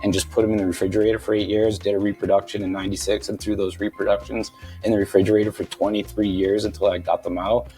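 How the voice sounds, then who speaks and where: A man's voice: fairly low pitch, level tone, quick pace, warm tone, faint music behind, rough recording. A man recalling in a plain, matter-of-fact way. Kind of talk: casual recollection.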